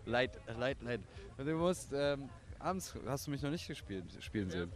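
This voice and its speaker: A man in casual street chat with cheeky answers and sudden loud shouts. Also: mid-range voice, very animated, moderate pace. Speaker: festival-goer doing poi spinning. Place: outdoors at a festival.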